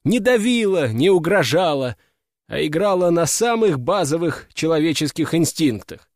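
A man reading a first-person fantasy audiobook in a wry, even storytelling manner. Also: on the high side, moderate pace, no echo, studio quality. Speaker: audiobook narrator.

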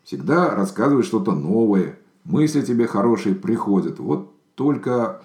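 A man voicing a gentle, earnest bear cub in a storybook, in an echoey room. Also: lowish voice, lively intonation, moderate pace, pitched above the performer's own voice, close to an everyday voice.

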